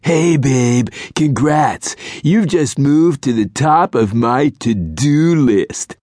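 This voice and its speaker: Smug, slow-drawling barfly voiced by a male narrator; higher than his own voice, dry close studio sound. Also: lively intonation, a little mellow, no echo. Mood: smarmy. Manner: slow smarmy drawl, pleased with himself. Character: sleazy young man hitting on a woman with pickup lines. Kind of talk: audiobook character voice.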